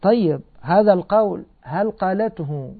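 Guy w/ teaching grammar step by step, kinda high voice, sounds like a phone line. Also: animated, measured pace, vocal fry, breathy edge. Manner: explains step by step, asks and answers his own questions. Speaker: Quran teacher. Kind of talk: grammar and Quran commentary lesson.

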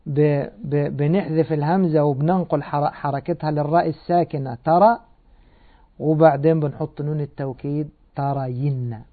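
A man's voice: fairly high pitch, fairly even intonation, moderate pace. A man teaching Quran commentary and grammar, explaining step by step and asking and answering his own questions. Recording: tinny phone-like sound.

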